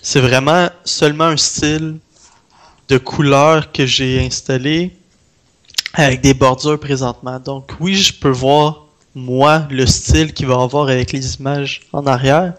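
Man with a Québécois French accent, mid pitch. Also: steady tone, measured pace. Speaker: interviewee, independent game developer. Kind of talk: casual conversation.

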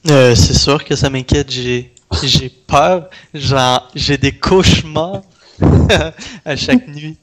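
A man's voice: medium pitch, slow pace. A man with a Québécois French accent, talking casually as an interviewee about his own work. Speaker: interviewee, independent game developer. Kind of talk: casual conversation.

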